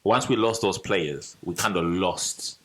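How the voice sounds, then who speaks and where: A young man co-hosting a podcast, explaining points in a calm, measured casual chat. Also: deep voice. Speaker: podcast co-host. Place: podcast studio.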